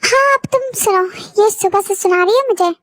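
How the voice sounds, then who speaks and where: A woman's voice: very high voice, moderate pace, fairly bright tone, no echo, rough recording. A woman voicing a cocky young boyfriend who teases and defends himself in a fan audio drama, recorded dry and close. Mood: teasing. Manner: teasing, defensive, joking.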